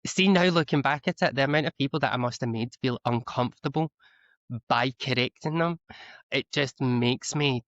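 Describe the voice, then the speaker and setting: A Scottish man, a guest in a candid conversational interview, speaks at normal speed in a medium-pitched, slightly bright voice with no echo. He talks earnestly, often restarting and repeating words, on slightly dull, lo-fi audio.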